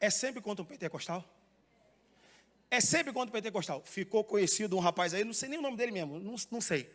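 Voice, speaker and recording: A man with a Brazilian Portuguese accent preaching a fiery Pentecostal sermon in a church, swinging from loud shouts to quiet asides. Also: high voice, lively intonation, fast talker. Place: church hall. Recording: long hall reverb.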